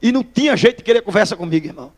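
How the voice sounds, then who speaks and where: Preacher guy, really high voice, storytelling testimony, echoey hall. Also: very fast. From Northeast Brazil. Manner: lively storyteller acting out dialogue, addresses listeners as brother. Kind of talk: sermon testimony.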